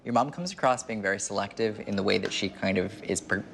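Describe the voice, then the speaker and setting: A man in his twenties, working as a medium and show host, gives a spontaneous psychic reading, haltingly narrating impressions as they come to him. His fairly low, gravelly voice has a slight brightness. He's on an indoor TV studio set with music playing behind him and a little background noise.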